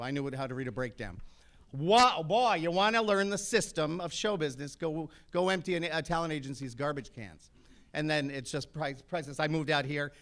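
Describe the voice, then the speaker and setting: A brash man in his fifties holds forth on a panel, animated and full of comic asides. His voice sits a little high for a man. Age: 50s. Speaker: actor on a panel. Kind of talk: panel talk to an audience.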